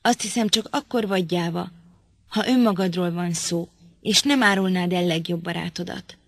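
A woman's voice: lowish voice, no room sound, clean studio sound. A woman reading an audiobook, voicing a proud, impatient young woman who talks sharply and scolds. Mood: coaxing.

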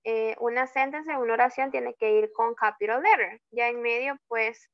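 A woman's voice: fairly high pitch, fairly even intonation, no room sound, dull audio. A woman tutor teaching English grammar over an online class, drawing out example words and often checking with "¿ok?". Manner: slow, drawn-out example words, frequent checking "¿ok?". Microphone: video call.

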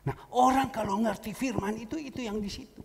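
A man's voice: high voice, fairly quick. A middle-aged man preaching as a pastor, telling a story in a conversational way and acting out the voices of people he quotes. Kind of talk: storytelling sermon. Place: church hall. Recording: echoey church hall with faint noise.

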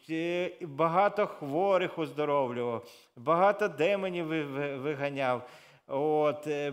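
Preacher, male, fairly high voice, relaxed sermon delivery with "uh" fillers, lifts his voice for scripture readings. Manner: conversational preaching with fillers and self-corrections; reads scripture aloud with raised emphasis. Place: church.

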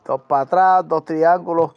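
A man chatting casually while playing an online game with a friend, teasing him and breaking into excited shouts. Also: a little high, normal speed, clear, resonant tone, dry recording, highs cut off. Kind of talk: casual gaming chat.

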